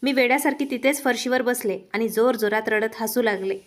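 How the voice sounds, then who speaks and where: Speaking in a steady narrating voice, a woman shares a heartfelt story from her own life, lingering earnestly on the emotion of each line. Her pitch is slightly higher than that of most women, and she keeps a brisk pace.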